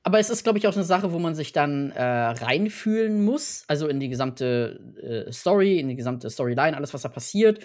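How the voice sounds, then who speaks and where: Podcast co-host, thoughtful casual film talk, hesitant, mid-pitched voice. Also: expressive, a little fast, hardly any pauses, darkish tone. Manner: hesitant, thoughtful, searches for words.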